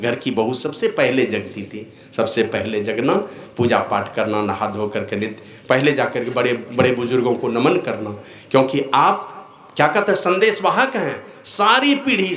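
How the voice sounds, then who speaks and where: The speaker is an older man, a spiritual teacher, whose devotional talk moves from lifted exhortations down to quiet, unhurried asides. His tone is fairly bright, and the recording carries reverb.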